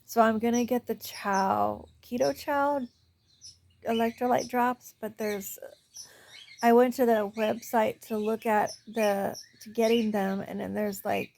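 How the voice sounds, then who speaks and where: A middle-aged woman rambles through a casual vlog in a tired, gravelly voice, often sinking to a near whisper. Her pitch sits in an ordinary middle range, and faint noise hangs in the background. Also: fairly even intonation, measured pace, darkish tone. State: tired after a night shift. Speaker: vlogger.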